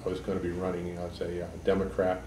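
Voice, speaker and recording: A man in his sixties from Connecticut, a political candidate giving halting, measured answers in an editorial board interview. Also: sits low, monotone. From Connecticut, USA. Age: 60s. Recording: echoey room, mic far off, background noise.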